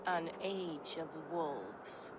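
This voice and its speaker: A low, slow, doomful Norse oracle. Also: female voice, expressive, background noise, exaggerated voice. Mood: grave, detached. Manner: slow, oracular. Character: grave low-voiced Norse fate-spinner, detached and doomful. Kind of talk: dramatic video game acting.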